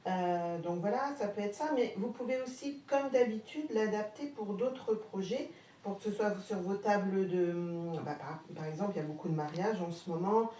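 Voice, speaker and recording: A woman's voice: mid-range voice, normal speed, warm tone. A woman with a Haute-Marne French accent hosting a casual live crafting demo, chatting with viewers and hesitating often with fillers. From France. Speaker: craft live-stream host. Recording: roomy, distant, faint background hum.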